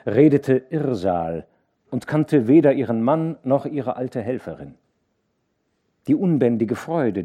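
A man reads a classic novel aloud at an unhurried pace, his voice low and mellow. His narration is measured and expressive, with wide, lively movement in pitch that gives the story weight. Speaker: audiobook reader. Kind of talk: literary audiobook narration.

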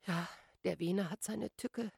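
A woman's voice: fairly low pitch, measured pace, creaky, husky, dry recording, studio quality, pitched above the performer's own voice, heavily acted. Seasick lady of the house, anxious and sighing, read by a female narrator. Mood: weary. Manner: sighing, hushed. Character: worried seasick mother, a gentry lady.

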